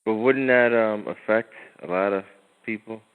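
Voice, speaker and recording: A man's voice: lowish voice, normal speed, clear, resonant tone. A man in casual conversation who talks hesitantly, filling gaps with 'like' and 'um'. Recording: tinny phone line.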